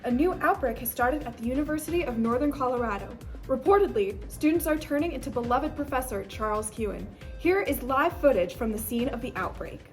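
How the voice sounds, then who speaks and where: High-pitched woman playing a formal news reporter. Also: lively intonation, a little fast, hardly any pauses, faint music behind. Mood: urgent, formal. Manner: formal announcing delivery. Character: urgent female TV news reporter announcing an outbreak. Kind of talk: mock breaking-news report.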